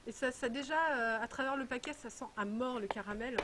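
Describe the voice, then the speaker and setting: Chatty woman with a high voice. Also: a little fast, noisy background. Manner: chatty, rambling, full of hesitations. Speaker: vlogger unboxing a parcel. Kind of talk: casual chat.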